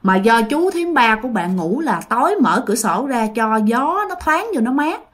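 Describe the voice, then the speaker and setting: A woman's voice: fairly high pitch, very animated, normal speed. A woman telling a ghost story casually, addressing her listeners directly.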